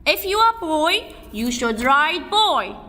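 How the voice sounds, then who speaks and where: Woman teacher drilling little kids on spelling, high lively voice, really slow, echoey room. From Egypt. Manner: slow, drawn-out, sing-song words and letter spelling. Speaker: kindergarten English teacher.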